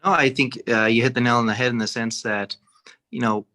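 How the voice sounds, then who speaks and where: A man from a tax deferral firm explains how deals work in a measured, casual way. He uses many fillers and restarts. His voice has a very bright, sharp tone at an ordinary pitch. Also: steady tone.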